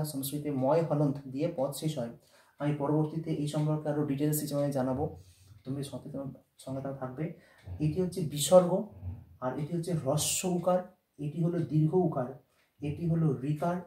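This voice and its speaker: Guy teaching, slow patient letter-by-letter, kinda high but mellow voice, echoey room a bit off mic. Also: recorded from a distance. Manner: patient, spells out letters one by one. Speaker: Sanskrit teacher. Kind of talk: explanatory lesson.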